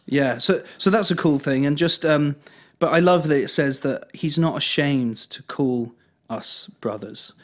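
A man's voice: on the high side, unhurried, few pauses. A man talking casually about Bible passages with a friend, thinking aloud and trailing off between thoughts. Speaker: church leader discussing scripture.

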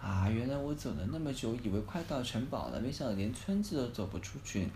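A man voicing a brave ten-year-old boy in a bedtime story, talking gently and politely. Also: medium pitch, very animated, quick pace, lightly acted. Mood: polite, hopeful. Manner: gentle and polite, turns frightened and tearful. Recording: echoey phone recording, faint hiss.

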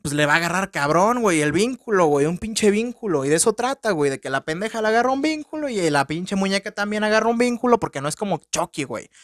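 A man with a Mexican Spanish accent hosting a low-budget podcast, reviewing a film in a crude, profane, joking way. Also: lively intonation, fast talker, few pauses, a bit bright, dry recording, clean studio sound. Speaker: podcast host. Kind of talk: casual film review rant. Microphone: podcast microphone.

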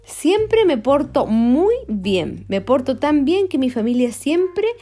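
A woman's voice: high-pitched, big pitch swings, takes it slowly, mellow, soft background music, full character voice. A woman reading the lines of a well-meaning male pet dog from a children's storybook, earnest and pleased with himself. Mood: cheerful.

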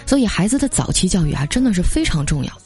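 A young woman hosts a podcast, reading funny everyday anecdotes over light background music. Her voice is lowish, fast and husky, and her chatty storytelling features lively quoted voices.

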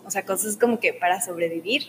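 A young woman, answering interview questions in a soft, filler-heavy casual way. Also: mid-range voice, fast, a little hiss or hum, rough recording. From Mexico. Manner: soft-spoken, uses many fillers like "o sea" and "como que".

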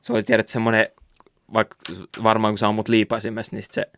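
A man's voice: lowish voice, completely flat delivery, fairly bright tone, smooth. A young man co-hosting a podcast in casual chat, rambling and swearing offhandedly. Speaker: podcast co-host.

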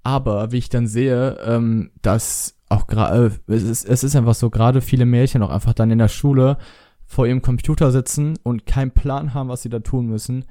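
A young man in casual chat, hesitant with frequent pauses and restarts. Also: mid-range voice, fairly even intonation, mellow, no echo, clean studio sound.

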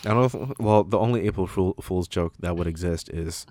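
A man's voice: deep voice, fairly quick, a little mellow, no echo. A young Canadian man hosting a casual podcast, chatting in a joking, crude way and swearing freely. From Toronto, Canada. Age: young adult. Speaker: podcast host.

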